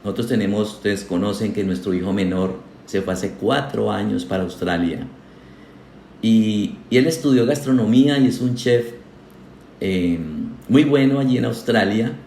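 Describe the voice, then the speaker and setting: A man's voice: lowish voice, moderate pace, vocal fry, a little mellow, slight background noise. A man, a pastor, preaching a sermon to his congregation, earnest and asking them questions directly. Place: church hall. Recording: echoey church hall.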